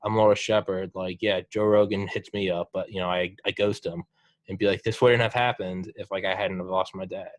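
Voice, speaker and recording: A young man with a lowish voice hosts a casual podcast chat, swearing freely and cheering his guest on. His delivery is animated and story-driven. The sound is dry and close, with no room echo. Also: fairly quick. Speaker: podcast host.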